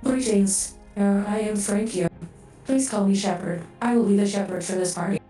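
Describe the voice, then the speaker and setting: A woman playing a towering silicate Titan, her voice run through a voice changer so it sounds warped and unnatural. The Titan speaks stiffly and formally, with a mellow tone. It comes across distant and roomy, as if from across an echoey space. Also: medium pitch, steady tone, moderate pace, soft background music. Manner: stiff, formal in-character greeting. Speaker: tabletop player. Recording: roomy echo, distant from the mic.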